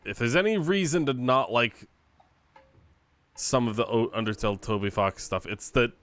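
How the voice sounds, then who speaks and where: A man's voice: mid-range voice, moderate pace, fairly bright tone, no echo. A man giving casual let's play commentary in a wry, grumbling manner, sometimes swearing. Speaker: gaming video host.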